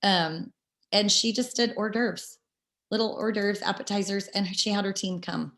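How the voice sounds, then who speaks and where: A woman's voice: medium pitch, fairly even intonation, moderate pace, a bit bright. A woman talking casually and with energy as she leads a motivational team call over a video link, with many fillers. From California. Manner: upbeat, chatty, many fillers. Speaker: team leader.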